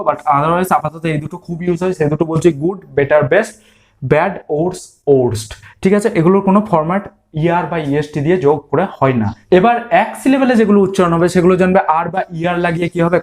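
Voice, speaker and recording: A man's voice: a little high, a little mellow. A man teaching an online grammar lesson, drilling word forms and asking and answering his own questions.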